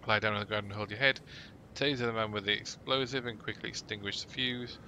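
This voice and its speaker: Gamer man narrating his run, low-pitched, over constant hum. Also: fairly even intonation, quick pace, sharp tone. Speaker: gaming YouTuber. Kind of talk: let's play, reading game text aloud.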